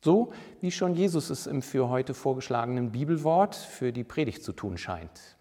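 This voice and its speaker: A man giving a measured, deliberate sermon and reading scripture with emphasis. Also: mid-range voice, expressive, warm tone, big-room sound. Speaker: preacher.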